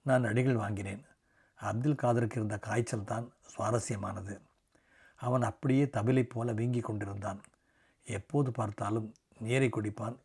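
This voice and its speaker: Older man, story reader, low voice, husky, measured and softly dramatic. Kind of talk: scripted reading of a short story.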